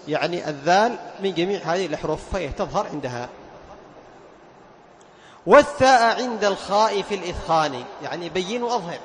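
Male recitation teacher with a high voice, leads a class, drags out example words to demonstrate sounds and asks students for answers. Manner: quizzes students with questions and praises answers. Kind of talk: classroom lesson on recitation rules.

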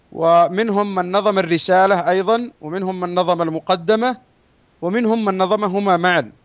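A man with a high voice delivers a religious lesson, weighing each phrase and pausing often. The recording is dry and slightly dull, with no room echo. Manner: measured, deliberate, drawn-out phrasing with pauses. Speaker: Islamic scholar teaching a text.

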